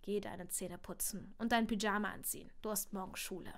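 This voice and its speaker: A woman's voice: medium pitch, steady tone, fairly quick, close to an everyday voice. A woman voicing a young father who is dry and ironic but tender with his son, in her own near voice, reading aloud. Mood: firm.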